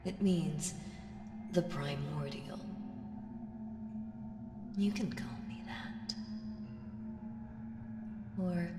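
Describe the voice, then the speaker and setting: In an ASMR audio roleplay, a woman voices an ancient female evil spirit, seductive, teasing and condescending in a breathy half-whisper. Her fairly low voice sounds amused and smug, echoing and reverberant over background music.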